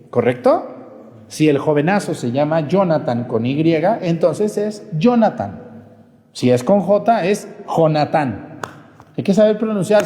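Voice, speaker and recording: A priest delivers a homily in a casual, conversational way, throwing rhetorical questions out to his congregation. His voice sits fairly high but sounds mellow and warm. The church gives it a long, lingering reverb.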